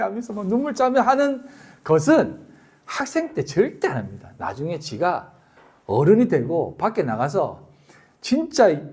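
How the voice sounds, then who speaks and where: A middle-aged pastor with a high, husky voice delivers a sermon full of stories. He acts out quotes with lively energy and laughs along the way.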